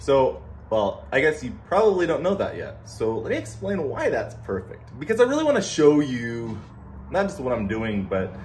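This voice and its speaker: A man in his thirties gives a casual DIY tutorial with speech slightly slurred, as if numb from the dentist. His pitch moves around in a lively way and he pokes fun at himself. The recording has some garage noise around him. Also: moderate pace. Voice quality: slurred, numb-mouthed speech from dental work. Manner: self-deprecating, joking. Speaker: DIY car restoration host. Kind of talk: casual hands-on tutorial chat. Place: home garage, indoors. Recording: noisy garage ambience.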